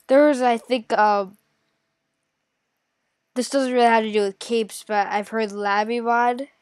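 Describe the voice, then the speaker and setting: A woman's voice: a little high, a little mellow, no echo. A woman with a stuffy nose from a cold, thinking aloud and correcting herself as she walks through a casual game tutorial. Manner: thinks aloud, hesitant, many pauses and self-corrections. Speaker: gaming tutorial creator. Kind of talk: casual screen-recorded game walkthrough.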